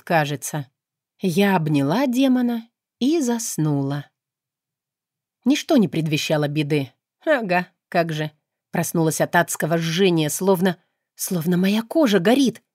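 Low-voiced woman reading an audiobook dramatically. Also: darkish tone, no room sound, studio quality. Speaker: audiobook narrator. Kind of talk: first-person audiobook narration.

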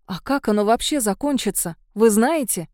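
A determined young woman, voiced by a woman narrator speaks firm and direct, without fuss. Her tone is mellow and warm. It is a dry, close audiobook recording. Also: a little high, expressive, moderate pace, no echo, natural voice.

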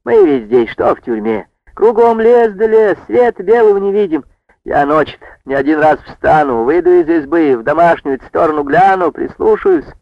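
A man's voice: on the high side, lively intonation, moderate pace, dry recording, pitched above the performer's own voice. A man voicing an anxious village woman who pleads and frets. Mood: pleading. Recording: dull dry lo-fi recording.

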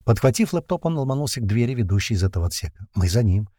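A man's voice: medium pitch, very animated, very fast, dark tone, dry recording, clean studio sound. A man narrating a first-person audiobook in a tense, colloquial storytelling manner full of slang.

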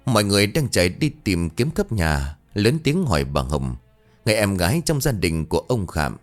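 A man reading a ghost story aloud in a dramatic, measured way. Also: deep voice, very animated. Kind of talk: scripted ghost story narration. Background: faint music.

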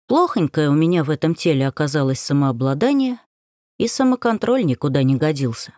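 A woman narrating a first-person novel as an audiobook, expressive and emotional. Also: low voice, brisk, dry recording, clean studio sound.

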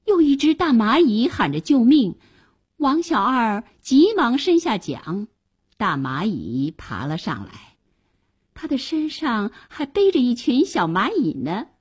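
A woman narrating a children's story slowly and expressively. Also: fairly high pitch, big pitch swings, breathy edge.

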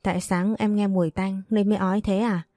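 A woman voicing a polite, gentle young pregnant wife in a read-aloud storybook. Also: mid-range voice, level tone, brisk, no echo, studio quality, lightly acted. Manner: polite, soft-spoken.

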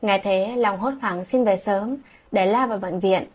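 A woman narrates a late-night story in a soft, breathy voice that sits at an ordinary middle pitch. She reads every character's lines herself, shifting her voice only a little from role to role. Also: moderate pace.

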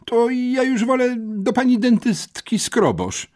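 A man's voice: very high-pitched, lively intonation, slow pace, a little mellow, voice pushed up, heavily acted. A man voicing a frightened schoolboy who pleads desperately with the headmistress. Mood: desperate pleading.

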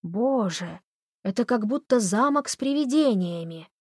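A woman voicing an excitable, timid young male artist in an audiobook, speaking in quick, fearful outbursts. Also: on the high side, husky, no room sound, clean studio sound. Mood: excited.

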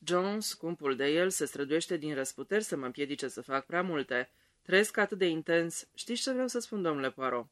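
A man doing a shrill fussy wife, all about her own health, high, dry recording. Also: animated, no echo. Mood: affected. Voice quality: shrill, sharp. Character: fussy self-absorbed middle-aged wife, shrill.

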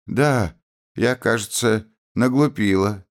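A stern, earnest young woman, put on by a man reading a novel aloud, speaking firmly and quickly taking offense. Her lines sit well above the reader's usual low voice. This is a storybook reading. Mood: subdued. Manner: earnest, firm, at times hurt.

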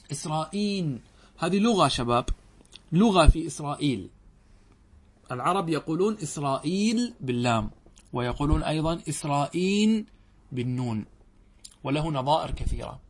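Man patiently teaching classical grammar. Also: mid-range voice. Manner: explains patiently, checks students understand; reads quoted verses aloud slowly. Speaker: religious scholar teaching grammar. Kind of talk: classical Arabic grammar lesson.

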